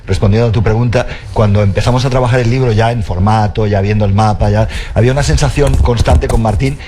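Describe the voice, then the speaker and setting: A man speaking as co-presenter at a book presentation, conversational and halting, repeating himself. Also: lowish voice. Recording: live event with background noise.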